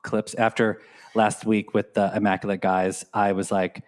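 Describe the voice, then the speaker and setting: A man's voice: on the low side, flat delivery, normal speed. A man co-hosting a podcast in casual chat, with a playful, teasing way of talking. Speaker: podcast co-host.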